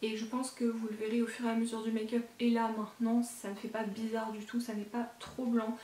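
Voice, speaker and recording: A woman's voice: fairly high pitch, flat delivery, a little fast, dark tone, roomy sound, recorded from a distance. A woman beauty vlogger chatting casually to camera about her makeup collection, rambling with lots of fillers and self-corrections.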